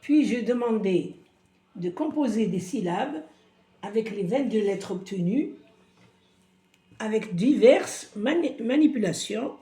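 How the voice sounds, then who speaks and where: Slow patient woman teacher. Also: fairly high pitch, animated, warm tone. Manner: slow, patient, sing-song syllables. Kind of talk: reading lesson for young children. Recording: roomy echo.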